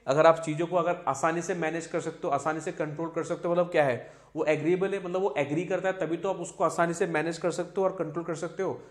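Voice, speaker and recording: Man, vocabulary teacher, slightly high voice, repeats each word. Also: steady tone, quick pace. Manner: explains in Hindi mixed with English, repeats words, asks "ठीक है?" often. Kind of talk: exam-prep vocabulary lesson.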